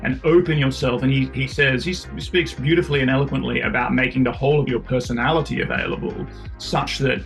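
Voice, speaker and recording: An earnest man with a gravelly, creaky voice presses his points with real emphasis, sometimes restarting a phrase. Faint music sits behind him. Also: medium pitch, fairly even intonation, quick pace, hardly any pauses, a bit bright, rough recording. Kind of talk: casual philosophical discussion.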